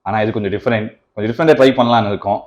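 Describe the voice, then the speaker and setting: A man chats quickly in a casual comedy format. His words come at a fast clip, teasing his co-host. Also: lowish voice, steady tone, highs cut off.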